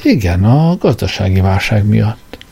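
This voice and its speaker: A man voicing a melancholy, politely spoken old man who talks calmly. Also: lowish voice, vocal fry, faint music behind. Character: sad, courteous, unhurried old man.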